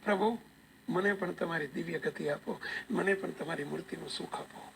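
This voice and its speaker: A man's voice: fairly high pitch, moderate pace, vocal fry, slight background noise, low-quality recording. A male preacher voicing a shrewd king in a devotional tale, insistent and urgent. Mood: pleading. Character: proud shrewd king, doubting then pleading.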